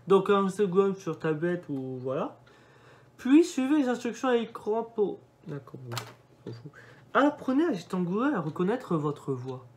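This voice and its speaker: A man's voice: high voice, sing-song, normal speed. A young man reading setup prompts aloud in a casual commentary, dropping offhand remarks as he goes. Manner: reads setup prompts aloud and mutters asides. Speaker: vlogger doing a device setup.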